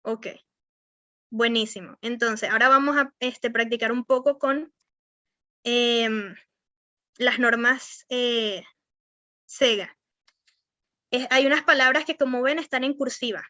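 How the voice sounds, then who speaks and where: A young woman teaches an online class in a Venezuelan accent. Her voice sits a little high and sounds bright and sharp, with plenty of fillers and constant check-ins with the students. The dry, dull lo-fi audio has no room sound. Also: fairly even intonation, slow, long pauses, no room sound. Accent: Venezuelan Spanish. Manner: rambling, many fillers like "o sea" and "este". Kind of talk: online class on verbal skills.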